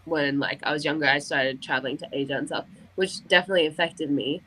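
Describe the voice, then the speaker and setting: Bright-voiced young aussie woman, bubbly guest, lots of "like". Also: sits low, fast, slightly rough, poor audio. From Australia. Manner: bubbly, expressive, says "like" a lot. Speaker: guest artist. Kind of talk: casual chat.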